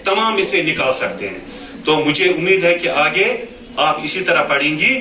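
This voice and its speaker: Echoey teacher explaining poetry pronunciation. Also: male voice, a little high, normal speed, bright, forceful tone. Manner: explanatory, repeats "है ना" to check understanding. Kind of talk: classroom lesson on Urdu poetry recitation. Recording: echoey room, mic at a distance.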